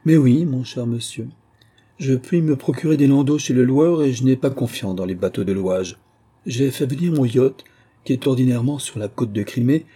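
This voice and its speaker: A man reading an audiobook voices a calm aristocratic father who speaks tranquilly and teases gently. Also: medium pitch, slightly rough, pitched above the performer's own voice, natural voice.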